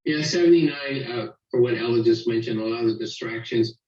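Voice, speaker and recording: A man critiquing photographs as a competition judge, measured and peppered with "you know". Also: medium pitch, a little mellow. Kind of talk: spoken critique. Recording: roomy, dull distant sound.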